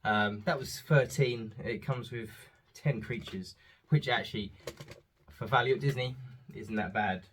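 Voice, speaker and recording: A man talks through his holiday purchases in a loose, rambling way, filling pauses with ums. His voice sits at an ordinary middle pitch. A faint hiss of noise runs under the home recording. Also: fairly bright tone. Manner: chatty, rambling, frequent ums. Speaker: father showing holiday purchases. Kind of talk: casual haul vlog.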